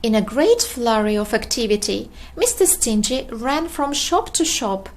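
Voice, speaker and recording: Reading a children's storybook, this narrator uses an expressive, deliberate storytelling style. She's a woman whose voice sits on the high side.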